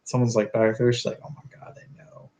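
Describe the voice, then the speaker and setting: A man's voice: mid-range voice, monotone, fast, darkish tone. Young man in his twenties, co-host; dry teasing humor, casual chat. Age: 20s. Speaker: co-host, soldier. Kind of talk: casual live stream chat.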